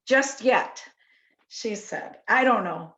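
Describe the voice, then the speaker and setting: A woman's voice: fairly high pitch, expressive, takes it slowly, fairly bright tone, a little hiss or hum. A woman chatting casually as a participant on a group call. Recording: muffled, band-limited online call.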